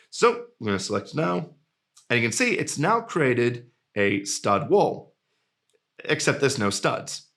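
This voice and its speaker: A man walking through a screen-recorded software tutorial in a relaxed, jokey way. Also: mid-range voice. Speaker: software trainer.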